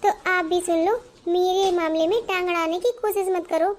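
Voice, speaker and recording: A woman voicing a headstrong young bride in a cartoon, talking back sharply in a very high voice. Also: steady tone, normal speed. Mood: defiant. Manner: defiant, talks back sharply. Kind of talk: Hindi cartoon voice acting.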